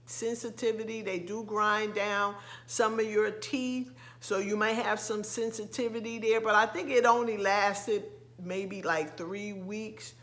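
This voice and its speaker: A middle-aged woman from the United States with a slight lisp, talking casually to camera as a vlogger, halting with frequent ums and restarts. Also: mid-range voice, steady tone, fairly bright tone. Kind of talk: casual vlog talk to camera.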